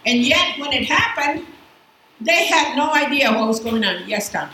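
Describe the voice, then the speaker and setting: A woman teaching a Bible class in a casual, lively way, asking her students questions as she goes. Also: high voice, normal speed. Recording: echoey room, faint background noise.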